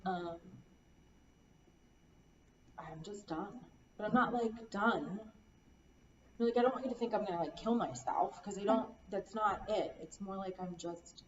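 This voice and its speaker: A woman playing a counseling client, talking in a halting, weary, despondent way and repeating herself. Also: mid-range voice. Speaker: role-play client in a counseling practice session. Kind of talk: acted counseling role-play. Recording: echoey room, distant dull mic, faint hiss.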